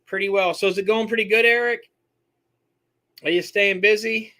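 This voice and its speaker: Bright-voiced man hosting a live Q&A. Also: high-pitched, fairly even intonation, normal speed. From Michigan. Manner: rambling, self-correcting, reads chat names aloud. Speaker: host answering viewer questions. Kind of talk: live-stream Q&A.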